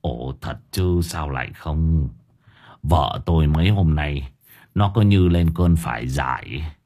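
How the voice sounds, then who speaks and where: Brief: man doing a husky, rustic old vendor, coarse and fretful, low rumbling voice. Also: slow, dark tone, heavily acted. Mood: bitter. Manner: whining, lamenting, cursing coarsely.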